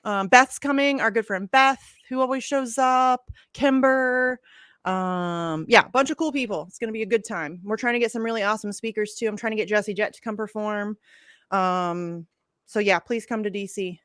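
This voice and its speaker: A woman's voice: mid-range voice, moderate pace, fairly bright tone, no echo, clean studio sound. A young woman co-hosting a casual podcast, talking animatedly, laughing often and swearing freely. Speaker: podcast co-host. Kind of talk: casual chat.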